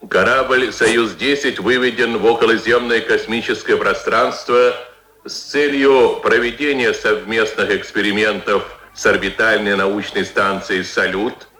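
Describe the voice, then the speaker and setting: Male Soviet radio announcer: booming, solemn state bulletin delivery, forceful bright tone, echoey archival broadcast sound. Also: steady tone. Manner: solemn, ceremonial, measured declamation.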